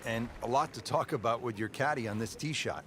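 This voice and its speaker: A man giving golf commentary as the play-by-play announcer, in measured, declarative calls with short phrases. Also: medium pitch, lightly acted. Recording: noisy, with crowd behind.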